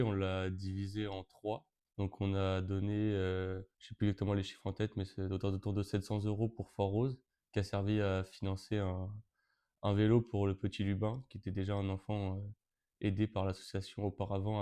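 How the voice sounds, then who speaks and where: Nineteen and from Brittany, France, this event co-organizer answers an interviewer's questions, often hesitating and starting over. His lowish voice carries a dark, clean tone.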